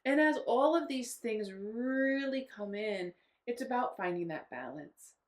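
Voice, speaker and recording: A woman's voice: a little high, animated, measured pace. A woman channeling spiritual guidance in an unscripted talk, repeating phrases and restarting sentences.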